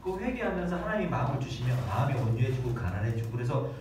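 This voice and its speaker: This pastor, a man in his thirties, delivers a Sunday sermon full of dramatic prayers and imitated children's voices. He speaks very fast in a mid-range, somewhat dark voice that swings widely in pitch. The mic sits far off in a big church hall that echoes heavily, and there's faint noise.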